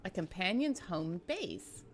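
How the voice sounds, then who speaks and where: A woman's voice: on the low side, sing-song, slow. A woman casually commenting while playing a game, chatty and wry, now and then swearing. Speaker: let's play streamer.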